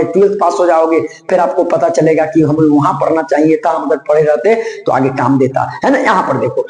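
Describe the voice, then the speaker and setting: A man's voice: fairly high pitch, darkish tone. A male grammar teacher giving a lesson, explaining examples and urging students with moral advice, often adding tag questions and calling the listener his friend. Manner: preachy, addresses listeners as friend, frequent "है ना" tag. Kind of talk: classroom-style lesson explanation. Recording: roomy echo.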